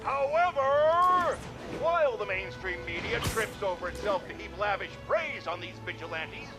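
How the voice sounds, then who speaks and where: A pompous, indignant talk-radio host, declaiming his rants in a high voice that swoops widely. He sounds like game cutscene audio with loud music underneath. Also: expressive, moderate pace. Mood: indignant ranting.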